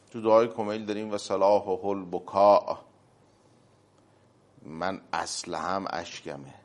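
A man giving a religious talk, quoting Arabic phrases slowly with emphasis and acting out short stories. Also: on the low side. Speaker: cleric.

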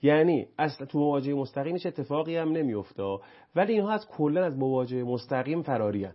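A man's voice: on the high side, animated, lo-fi sound. A man who teaches anger management, explaining his ideas in a talk-show conversation. He keeps asking and answering his own rhetorical questions and grows emphatic as he lists examples.

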